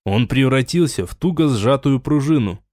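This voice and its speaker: A man's voice: medium pitch, animated, darkish tone, no room sound. Man narrating an audiobook, dry. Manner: measured, dramatic. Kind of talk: scripted narration.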